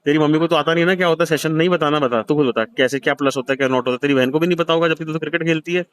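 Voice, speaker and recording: A man's voice: a little high, very fast, a bit bright. A man in his thirties, hosting, gives a blunt, profane scolding to a gambler in a harsh heart-to-heart lecture. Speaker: host counseling a gambler.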